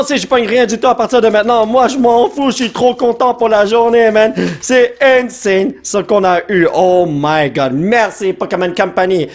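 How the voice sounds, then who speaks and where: A young man with a high-pitched voice and a Quebec French accent, chatting in a casual vlog. He swings between easy commentary and excited outbursts full of English slang. His voice sounds a little strained from all the shouting. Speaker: YouTuber opening trading card packs.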